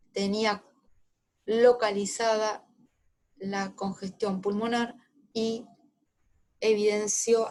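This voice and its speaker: A woman's voice: medium pitch, a little mellow. Woman w/ teaching a med class, walks students thru cases, keeps saying remember this. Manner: explanatory, addresses students directly with reminders. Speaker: medical lecturer. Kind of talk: clinical case lecture.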